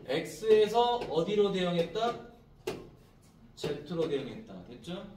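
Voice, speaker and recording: A man teaching high school math as a classroom lecture, constantly checking in with his students through short prompting questions. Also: sing-song, slow, reverberant, far from the mic, noisy background.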